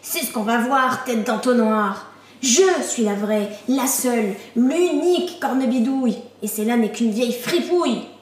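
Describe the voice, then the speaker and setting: A gleeful, mocking old witch from a storybook, trading made-up insults in a high, sing-song voice, as a woman reads her. The delivery is slow and teasing. A roomy echo hangs on every word. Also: recorded from a distance, close to an everyday voice. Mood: squabbling.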